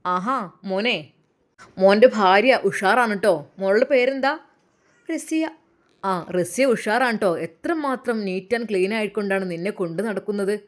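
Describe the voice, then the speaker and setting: A woman's voice: medium pitch, measured pace, natural voice. A woman voicing a cheerful hospital doctor who talks heartily to a patient. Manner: hearty, praising.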